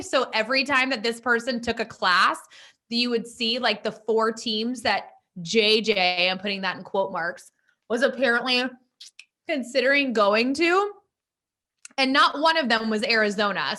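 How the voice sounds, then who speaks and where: A young woman co-hosting a sports chat, her voice bright and a touch high. She talks in a loose, animated way, filling her sentences with "like" as she breaks down the news. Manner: chatty, heavy use of "like", animated. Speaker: podcast co-host.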